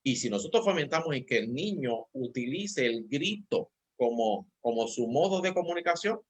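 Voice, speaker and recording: Calm man pastor telling parenting stories. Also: mid-range voice, normal speed, husky. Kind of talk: church talk show discussion.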